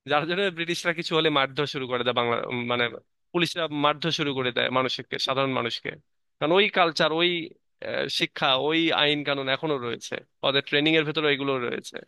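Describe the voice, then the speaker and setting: A man with a Bangladeshi Bengali accent teaching a lesson, reading English lines slowly and then explaining them conversationally with many fillers and restarts. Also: a little high, sharp tone, smooth, no room sound. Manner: frequent fillers and self-corrections.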